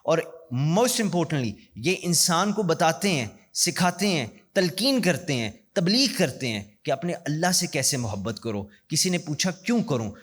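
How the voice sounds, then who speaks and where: A man giving an earnest inspirational speech as a guest speaker at a university, telling a story and slowing down for emphasis. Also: on the high side, a bit bright. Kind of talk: inspirational speech mixing in English. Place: large university hall. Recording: long hall reverb.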